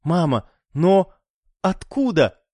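A man's voice: fairly high pitch, lively intonation, brisk, a little mellow, no echo, studio quality, pitched above the performer's own voice, close to an everyday voice. A man voicing a frightened, desperate young mother in an audiobook, pleading in a weak voice. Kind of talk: audiobook character voice.

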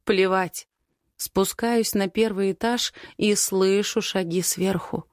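A woman narrates a first-person story with dramatic, expressive delivery. Her voice sits at a middle pitch, and the recording is close and dry, with no room echo. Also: slow pace. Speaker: audiobook narrator.

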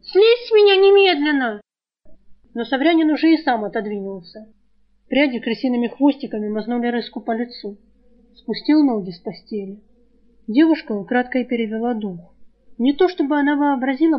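A woman narrating an audiobook, telling the story in a lively, expressive way. Her voice sits fairly high. The recording sounds slightly dull and lo-fi. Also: brisk.

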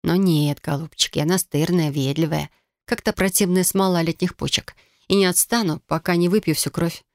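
Woman reading a lively first-person audiobook. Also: fairly low pitch, moderate pace, no echo, studio quality. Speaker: audiobook narrator.

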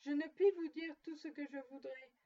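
A grave, tormented male ghost bound in chains speaks slowly and solemnly, as a woman reads him aloud in a storybook reading. The voice sits high. The sound is dull and picked up from a distance. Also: steady tone, warm tone. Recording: muffled and distant.

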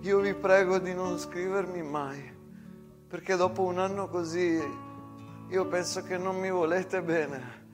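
A man's voice: high-pitched, steady tone, measured pace, music in the background. A man playing a timid, heartsick young soldier who stutters and begs, in a stage monologue. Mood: tender. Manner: hesitant, stuttering, begging.

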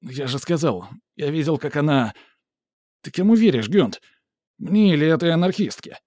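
A man's voice: mid-range voice, moderate pace, dry recording, studio quality, voice pushed up, natural voice. A man voicing a cowardly, whining male factory manager who squeals and pleads. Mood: pleading.

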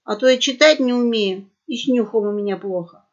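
A woman's voice: fairly high pitch, brisk, natural voice. A woman doing a gurgling know-it-all parrot. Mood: chatty. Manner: gurgling, lecturing. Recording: dull lo-fi recording.

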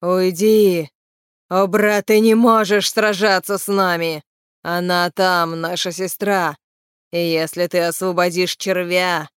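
A woman voicing a hostile dark elf warrior who gives an urgent, forceful warning. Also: on the low side, flat delivery, slow, smooth, no room sound, clean studio sound. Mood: threatening.

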